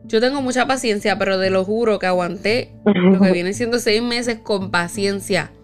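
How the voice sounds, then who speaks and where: A woman's voice: medium pitch, normal speed, faint music behind. A woman telling a personal story in casual chat, acting out the lines of the people she quotes. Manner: animated, acts out quoted dialogue.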